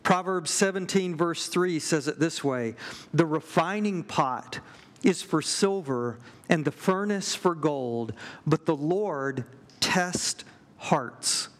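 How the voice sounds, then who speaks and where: A middle-aged man preaching a sermon, earnest and measured, pausing and restarting now and then. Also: a little high, animated. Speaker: pastor.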